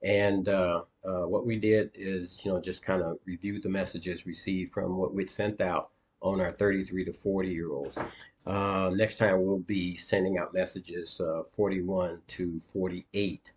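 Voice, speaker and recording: A man coaching viewers in a screen-share walkthrough, talking plainly and haltingly with many fillers. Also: low voice, level tone. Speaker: dating coach.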